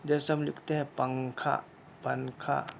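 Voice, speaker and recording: A man teaches a grammar class at an unhurried pace, and his voice has a gravelly edge. He asks questions and answers them himself, repeating key points. A faint hiss sits under the recording. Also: mid-range voice, fairly even intonation. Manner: slow, repetitive explaining with rhetorical questions. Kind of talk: classroom lesson.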